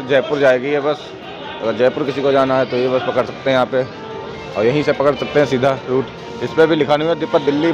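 A hoarse, mid-range-voiced travel vlogger in his twenties walks through an outdoor bus station, filming himself on a phone at arm's length and pointing things out like a tour guide in a casual vlog. The lo-fi phone audio is dull, with music playing and buses passing.

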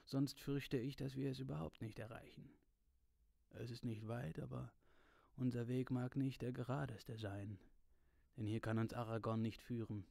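A man reading aloud voices an old, wise male wizard, speaking in a measured, calm, slightly lowered voice. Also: creaky, no echo, clean studio sound, close to an everyday voice. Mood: grave.

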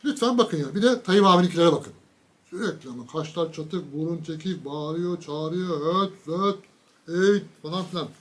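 A man's voice: on the high side, moderate pace. A man giving a casual political commentary monologue, mocking and sarcastic, talking straight to his viewers with emphatic lists.

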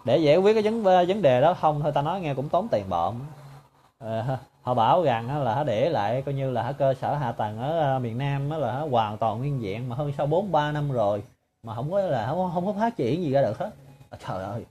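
A man's voice: mid-range voice, normal speed, warm tone, slightly rough, lo-fi sound. A man giving a sarcastic, mocking monologue to his viewers. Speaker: political commentator.

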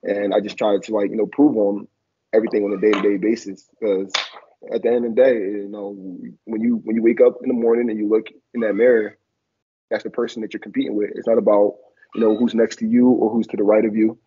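Warm, husky, and on the low side, his voice stays level while he talks fast. The speaker is a young former college football player from Liberia who grew up in Philadelphia, reflecting with frequent fillers as a video call guest in a casual interview. Captured by a laptop camera in a small room, the audio is dull lo-fi.

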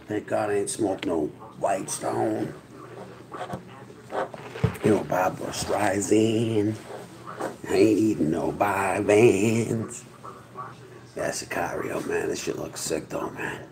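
A man's voice: deep voice, takes it slowly, gravelly, long pauses, rough recording. A man, rambling through a profane, tough-talking monologue to camera. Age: 40s. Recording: crowd noise in background.

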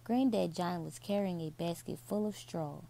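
A woman reading a bedtime story aloud to children, slowly and soothingly. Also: lowish voice, gravelly, warm tone.

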